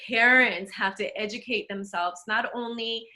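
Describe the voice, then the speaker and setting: A woman from El Salvador talking casually with a friend on a podcast, animated and laughing often. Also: fairly high pitch, normal speed. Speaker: podcast co-host. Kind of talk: casual conversation.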